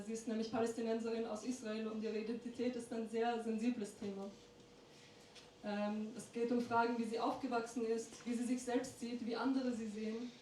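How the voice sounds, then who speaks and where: A woman's voice: fairly high pitch, mellow, a little hiss or hum. A woman hosting an event, introducing a reading in a hesitant way with many fillers. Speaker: event host. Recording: very echoey hall from a distant mic.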